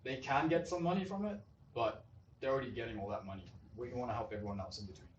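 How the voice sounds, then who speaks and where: Eager founder from Zimbabwe, roomy hall. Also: male voice, mid-range voice, fast, dull audio. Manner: eager, salesy. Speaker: startup founder pitching. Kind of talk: pitch presentation and Q&A. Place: event hall. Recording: roomy hall, distant mic, faint noise.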